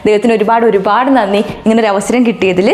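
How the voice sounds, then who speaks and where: A woman's voice: medium pitch, fairly even intonation, quick pace, a little mellow. A woman vlogger with a Malayali accent, talking casually to viewers and mixing English words into Malayalam. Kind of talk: casual vlog sign-off to camera. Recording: roomy echo with music behind. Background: music.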